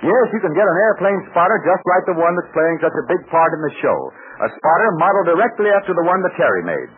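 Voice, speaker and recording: A man's voice: high voice, very animated, quick pace. A man with an American accent announcing and narrating an old radio adventure serial, with an emphatic, showmanlike delivery. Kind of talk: old-time radio announcer, scripted narration and sponsor pitch. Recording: scratchy 1940s radio recording, narrow band.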